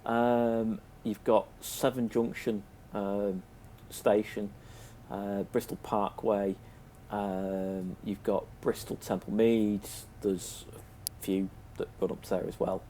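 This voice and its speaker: Clearly congested and sniffling from a cold, a British presenter offers an offhand, halting review without a script. He speaks slowly and flatly in a fairly low, dark voice, with background noise audible.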